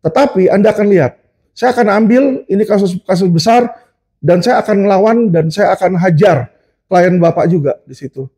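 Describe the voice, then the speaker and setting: High-pitched lawyer guy ranting at the camera, scolding, throwing questions at a rival. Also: normal speed, warm tone. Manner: combative, scolding, rhetorical questions aimed at a rival. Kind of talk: confrontational to-camera rant.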